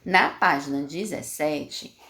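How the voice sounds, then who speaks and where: A woman's voice: low-pitched, takes it slowly, noisy background. A woman teacher, patiently walking young pupils through homework and answering her own questions. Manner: patient, repeats steps, asks and answers questions.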